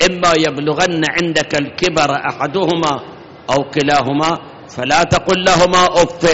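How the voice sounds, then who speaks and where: A man with a high, sharp-toned voice preaches a sermon in an Iraqi Arabic accent, addressing his congregation emphatically and directly. The recording is muffled and reverberant, as if captured in a hall.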